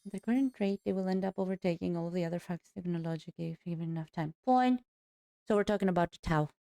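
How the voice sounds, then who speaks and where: A woman's voice: on the low side, fast talker, gravelly, dark tone. A woman streamer reacting to a video with playful, jokey asides, often stumbling over her words. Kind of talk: casual chat.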